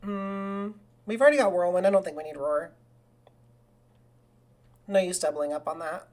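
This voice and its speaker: At a normal speed, a woman with a slightly low voice gives casual commentary on a live game stream. She rambles and sometimes bursts into excited cheering.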